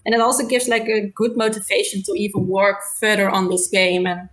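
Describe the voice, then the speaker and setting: A woman's voice: medium pitch, level tone, a little fast, a bit bright, poor audio. A young woman with a Dutch accent, a game developer chatting in an interview and filling her speech with "like". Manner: chatty, many "like" fillers. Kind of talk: casual interview answers.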